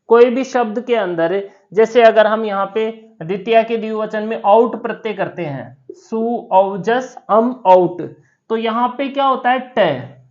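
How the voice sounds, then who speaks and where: A woman teaching a grammar lesson, explaining each rule slowly, repeating key terms and asking the class questions. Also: on the high side, darkish tone, lo-fi sound. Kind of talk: classroom lecture.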